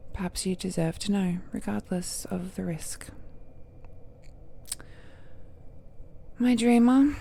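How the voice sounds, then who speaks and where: In this romantic audio drama, a woman plays an ancient cursed villainess whose voice sits on the low side, dark and soft with a little gravel. Tender and confiding yet possessive and brooding, she drifts toward a whisper, slow and breathy, pausing dramatically and letting out soft sighs and chuckles, a faint noise behind her.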